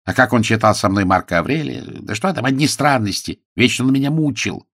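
A man's voice: mid-range voice, animated, fairly quick, a bit bright, dry recording, clean studio sound, voice pushed up. A man voicing a grumbling young man who complains about a relative, in an audiobook.

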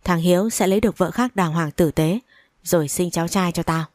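A woman voicing a harsh, foul-mouthed older mother-in-law who hurls insults, in a low voice. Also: brisk, dry recording, studio quality, close to an everyday voice. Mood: furious. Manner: shouting insults.

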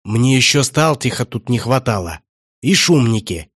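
A man voicing a shrill, irritable old male trader in an audiobook, snapping and squealing at those around him. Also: lively intonation, moderate pace, breathy edge, no room sound, clean studio sound. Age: older. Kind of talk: audiobook character voice.

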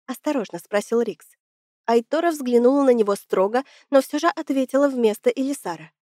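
A woman's voice: fairly high pitch, fairly quick, a little mellow, no echo, clean studio sound. Woman narrating a fantasy story. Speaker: audiobook narrator. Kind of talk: scripted first-person fantasy narration.

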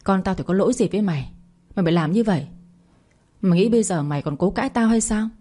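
A woman narrator voicing a grief-stricken young wife hurling fast, furious accusations, with a husky voice. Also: medium pitch, mellow, lightly acted.

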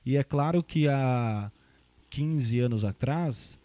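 A man's voice: medium pitch, slow pace, mellow, a little hiss or hum. A man, hosting a casual podcast chat and telling joking, reflective stories about his youth. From São Paulo, Brazil. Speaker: podcast host.

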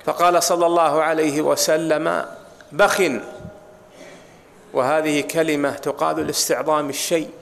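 Man, religious lecture, somewhat raised gravelly voice, rhetorical questions, long hall reverb. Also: a little high, level tone, moderate pace, pauses often, a bit bright, slight background noise. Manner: explanatory, asks rhetorical questions and addresses listeners directly. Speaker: Islamic scholar teaching. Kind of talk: religious lecture explaining hadith.

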